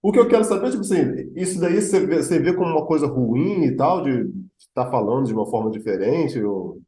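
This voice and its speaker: A man hosting a casual conversation, explaining things in a loose, relaxed way full of filler words. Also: a little high, fairly quick, reverberant, low-quality recording. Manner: relaxed, lots of fillers like tipo and né. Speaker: host.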